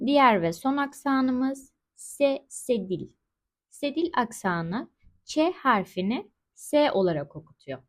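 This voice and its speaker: Woman teaching french, kinda high voice, super slow and patient, says every example word twice. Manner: patient, repeats example words slowly. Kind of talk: slow explanatory language lesson.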